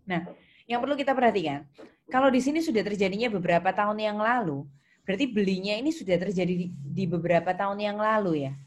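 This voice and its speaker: A female accounting teacher with a normal-pitched voice guides students step by step through an interactive online lesson. She questions them and repeats their answers instructively, with a bit of noise, typing and clicking in the background.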